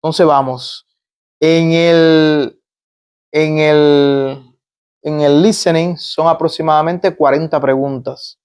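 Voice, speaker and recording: A man with a Cuban Spanish accent, speaking a little higher than most men. He walks through his experience as a guest in a casual interview, pausing, restarting and offering example after example. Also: darkish tone. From Cuba. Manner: halting, restarts phrases, explains step by step with examples. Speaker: guest, migrant doctor. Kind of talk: conversational interview explanation.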